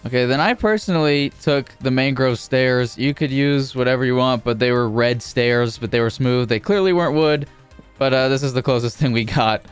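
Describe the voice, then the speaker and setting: A man narrating a casual game building tutorial as a YouTuber, speaking informally in a steady, repetitive cadence. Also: mid-range voice, moderate pace, smooth, faint music behind.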